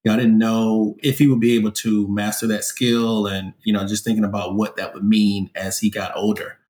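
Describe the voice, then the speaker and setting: A man guest on a podcast, speaking in a thoughtful, measured way and often saying "you know". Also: lowish voice, flat delivery, a little mellow. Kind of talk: reflective conversation.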